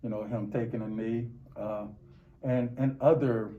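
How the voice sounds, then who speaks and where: A middle-aged American man from Los Angeles giving reflective, halting interview answers, often repeating words. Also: medium pitch, steady tone. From Los Angeles, United States. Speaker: interview guest. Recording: dull, muffled lo-fi recording.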